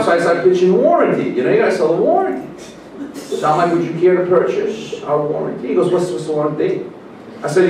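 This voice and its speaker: A high-voiced man, born in Russia and raised in Queens, New York, does a brash, profane stand-up set at a comedy club, working the crowd between bits. The audio has a slight hiss or hum, with echoey club acoustics, a distant mic, and a loudly laughing live audience.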